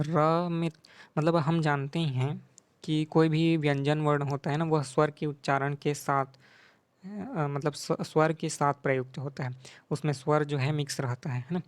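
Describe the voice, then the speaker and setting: A male tutor talks through quiz answers in an even, level voice that barely rises or falls. He keeps checking in with the listener after each point. The sound is close and dry, with no room echo. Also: a little high. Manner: repeats "ठीक है" and "है ना" often. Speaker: teacher.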